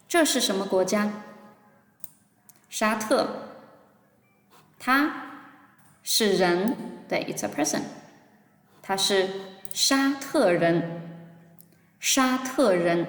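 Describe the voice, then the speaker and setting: A woman teaching a beginners' language lesson, speaking slowly and patiently and repeating each new word for practice. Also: medium pitch. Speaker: Mandarin teacher. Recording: echoey room with long reverb.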